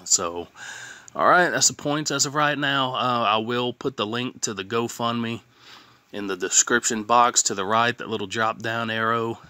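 A man's voice: mid-range voice, moderate pace, bright, forceful tone, no room sound. A man casually hosting a vlog for followers, informal and repetitive, speaking a little oddly with a sore, healing tongue. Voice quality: slightly impaired speech from a sore, healing tongue. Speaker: host of a fan contest channel. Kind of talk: casual vlog talk, reading standings and chatting to followers.

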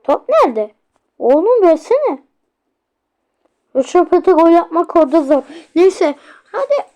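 A woman hosting a gaming channel, giving excited let's-play commentary, crying out and grumbling at the game and talking straight to viewers. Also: very high voice, a little slow, dull audio. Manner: talks to viewers directly.

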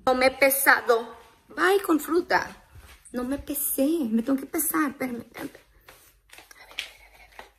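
A woman's voice: high voice, unhurried, long pauses, a bit bright. Chatty woman vlogging her day. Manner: chatty and rambling, drops English words into her Spanish. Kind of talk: casual day-in-the-life vlog. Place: at home and in her car.

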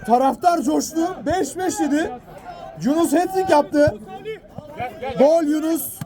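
A man giving excited, exclamatory live football commentary, often repeating phrases and players' names. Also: slow. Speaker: match commentator. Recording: loud crowd behind, outdoor match. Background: cheering crowd at an outdoor pitch.

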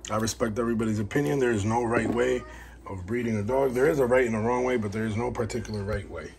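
A man's voice: medium pitch, fairly even intonation, fast talker, vocal fry. A man breeding dogs, rambling casually through a how-to vlog from home while he works. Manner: rambling and chatty, talks while working. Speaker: dog breeder. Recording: noisy home recording.

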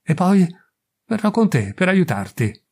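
A frightened young wife pleads in anguish, as a man reads her lines. The voice is gravelly and sits a little above his normal pitch. The delivery is urgent and desperate. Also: very animated, a little slow, darkish tone, heavily acted.

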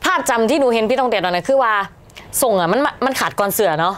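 A woman's voice: fairly high pitch, lively intonation, fast talker. A young woman with an Isan accent hosting a podcast interview, friendly and prompting her guest with short acknowledgments. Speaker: podcast host. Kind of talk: casual interview chat.

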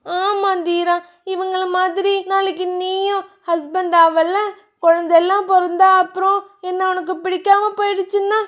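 A woman voicing an innocent, childlike young woman who pleads in a high, anxious voice, in a romance audiobook. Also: flat delivery, normal speed. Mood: sad.

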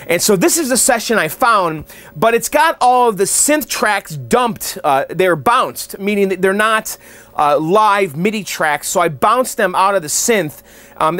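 A man's voice: sits high, a bit bright. A man hosting his own channel, casually walking through how he built a song at his home studio computer, chatty and full of fillers and restarts. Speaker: channel host. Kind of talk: casual walkthrough and tutorial. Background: his synth tracks playing clearly.

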